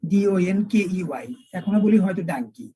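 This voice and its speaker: A male English teacher, lecturing an online class and spelling words out slowly with repeated examples. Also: sits high, a little mellow, husky, no echo, low-quality recording.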